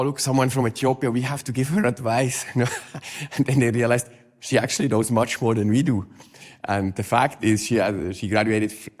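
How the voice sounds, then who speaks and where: A man with a slightly low voice introduces a speaker at an academic event. His delivery is informal and halting, with the phrasing of a non-native speaker.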